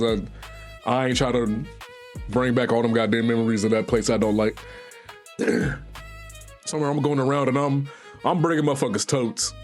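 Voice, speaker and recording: A young man with a Southern accent tells a long work story on his stream, loose, profane and full of slang. He jumps into the other people's lines as he goes, with faint music playing behind him. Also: mid-range voice. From Virginia, US. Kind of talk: casual storytelling.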